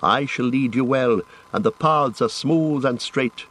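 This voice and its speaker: A man reading an audiobook, voicing a stern male elf guardian who speaks in a measured, formal way. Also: medium pitch, a bit bright, voice pushed up, poor audio.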